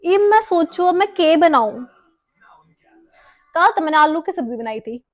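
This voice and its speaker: A woman's voice: extremely high pitch, lively intonation, measured pace, no room sound, rough recording. A young woman from Haryana talking casually as a vlogger, chatty and self-mocking, with a Haryanvi-tinged Hindi accent and bits of English mixed in. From Haryana, India. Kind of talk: casual chat. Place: home kitchen and city streets.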